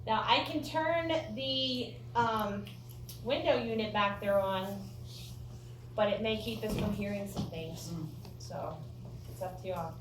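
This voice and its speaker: A woman's voice: medium pitch, slow. An American woman working as a ghost tour guide, telling stories to a group in a folksy, joking, chatty way. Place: indoor room of an old theatre. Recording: roomy echo, distant mic, clear background noise.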